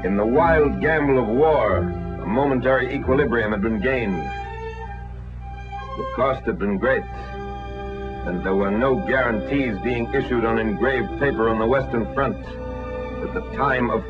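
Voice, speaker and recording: A man's voice: medium pitch, measured pace. A man giving grave, declamatory scripted narration for an old 1940s newsreel. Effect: old newsreel recording. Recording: lo-fi 1940s newsreel soundtrack with loud music.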